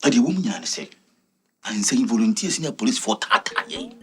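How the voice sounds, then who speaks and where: A man's voice: medium pitch, big pitch swings, fairly quick, faint music behind, close to an everyday voice. A Ghanaian man playing a comic character in skit dialogue. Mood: matter-of-fact.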